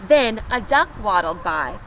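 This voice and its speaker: With a mid-range voice, big swings in pitch and a slightly slow delivery, a woman reads a picture book expressively to young children, adding asides for them. She is outside near pet chickens, and the recording is noisy with city sounds.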